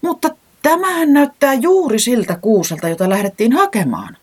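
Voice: mid-range voice, sing-song, voice pushed up, close to an everyday voice. A narrator putting on a fretful little weather-man. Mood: amazed. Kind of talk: children's storybook reading.

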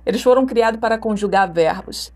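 Woman, Brazilian accent, English teacher, slightly high voice, drills phrases aloud. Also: brisk, darkish tone. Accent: Brazilian Portuguese. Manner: repeats example phrases to model intonation. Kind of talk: recorded language lesson.

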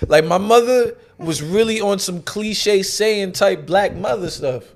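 A man's voice: sits high, measured pace, vocal fry. A young man co-hosting a podcast, telling a casual, slang-filled story and acting out the voices of people he quotes. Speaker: podcast co-host.

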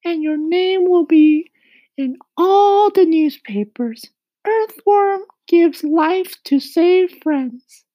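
A grand lady spider with a very high, slow, gushing voice, full of drama, as a man puts her on. She draws out her words for effect. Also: mellow, no room sound, low-quality recording. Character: theatrical female spider, grand.

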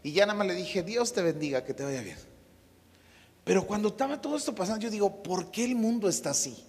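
A middle-aged pastor delivers a casual, story-driven sermon, his voice slightly high and husky. His words ring out with a long reverb from the church hall. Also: lively intonation, fast talker. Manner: storytelling, humorous asides. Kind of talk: conversational sermon.

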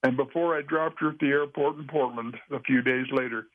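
A man telling a long story as an interview guest, rambling and halting with frequent restarts. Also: mid-range voice, fairly even intonation, no echo. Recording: dry, tinny phone line.

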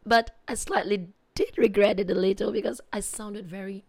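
A woman, chatting casually as an interview guest, her voice hoarse from a swollen, sore throat. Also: medium pitch, steady tone, normal speed, a little mellow, no room sound. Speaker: podcast guest, singer.

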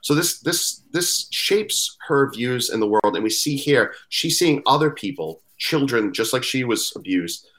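A man on a podcast panel, chatting casually and playfully arguing his opinion. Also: mid-range voice. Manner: animated, argues his case playfully. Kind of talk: casual chat.

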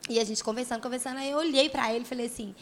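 A woman pastor chatting casually, telling a story in an animated way with many tag questions. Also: on the high side, rapid-fire, a little hiss or hum.

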